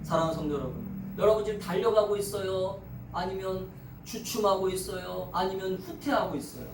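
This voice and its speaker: Fervent pastor preaching in an echoey church. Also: male voice, high voice, a little fast, gravelly, distant mic, background noise. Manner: call-and-response preaching, rising to fervent exhortation. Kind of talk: revival sermon. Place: church sanctuary.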